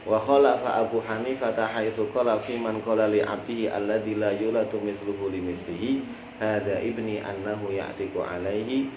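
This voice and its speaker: A man teaching a classical Islamic text talks at normal speed in a lowish voice with flat delivery and a Javanese accent. He explains with everyday examples and prompts listeners to complete his sentences. Faint background noise accompanies the echoey room sound.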